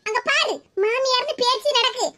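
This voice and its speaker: Cartoon meddler: a woman voicing a very high, mocking sister-in-law, audible hiss behind. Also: normal speed. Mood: taunting. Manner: mocking, tattling. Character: scheming young sister-in-law who stirs trouble.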